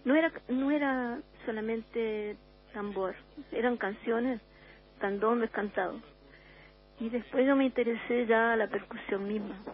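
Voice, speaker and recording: An older Uruguayan woman with a Chilean accent speaks as a musician guest on a radio interview, reflective and unhurried, restarting often. Her pitch sits fairly high, and the lo-fi recording carries slight background noise.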